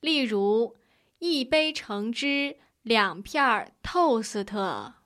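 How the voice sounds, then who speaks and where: A strict young tutor. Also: female voice, on the high side, lively intonation, drawn-out words, a bit bright, full character voice. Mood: instructive. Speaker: tutor in a lesson dialogue.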